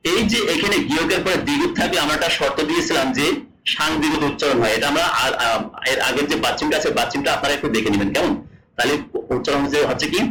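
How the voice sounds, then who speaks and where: Male teacher from Bangladesh, bright and fairly high voice, drills the class with questions, recorded in an echoey room. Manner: repeats rules and asks the class questions. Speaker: Korean language teacher. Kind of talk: classroom lesson explanation.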